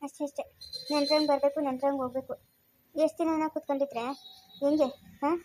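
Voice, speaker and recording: A woman playing a gentle rural Kannada aunt. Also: high-pitched, flat delivery, quick pace, no room sound, natural voice. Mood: weary, sighing. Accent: rural Chikkaballapur Kannada. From Karnataka. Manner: sighing, murmured asides with "ha?". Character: elderly village aunt, gentle and long-suffering. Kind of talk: village family skit.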